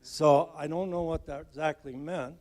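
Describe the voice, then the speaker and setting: Middle aged dad doing a wedding speech, jokey, voice a bit high for a guy. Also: fairly even intonation, normal speed, darkish tone. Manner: joking, self-deprecating. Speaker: father of the groom.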